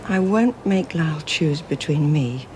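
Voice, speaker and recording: A woman's voice: deep voice, expressive, unhurried, warm tone, a little hiss or hum, poor audio. An actress playing a resigned, self-sacrificing woman prisoner, hesitant and restrained, in a television drama. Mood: resigned, pained.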